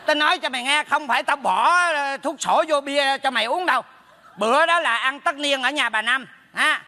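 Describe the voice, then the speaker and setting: An actor in a stage comedy sketch playing a meddling neighbor who teases in quick, mocking bursts and speaks with a Southern Vietnamese accent. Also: male voice, very high voice, sharp tone, big-room sound, heavily acted. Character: meddling, teasing male neighbor.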